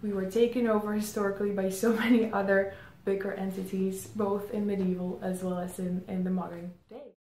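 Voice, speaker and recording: The guest, a thoughtful marketing head from the Czech Republic, gives reflective interview answers, pausing with plenty of "um"s. Her mid-range voice is dark in tone, with little pitch movement. Behind her indoors is a plain grey backdrop; roomy echo and faint ambient noise are audible.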